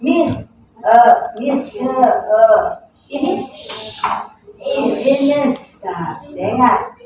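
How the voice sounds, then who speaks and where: A woman teaching English to a class, lively, stretching and repeating words to show stress. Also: a little high, very slow, a little hiss or hum. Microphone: distant room recording. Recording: echoey classroom recorded from far off.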